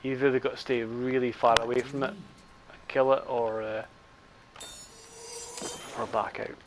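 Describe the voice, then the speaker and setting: A man's voice: medium pitch, flat delivery, measured pace, noisy background. A man giving rambling, chatty live commentary on his game stream, with dry sarcastic asides.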